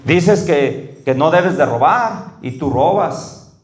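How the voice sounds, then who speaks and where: A man giving a conversational sermon, often checking in with the congregation and slowing down to read scripture aloud. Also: animated, roomy sound. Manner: slows down and rises in pitch when reading scripture. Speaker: preacher. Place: church hall.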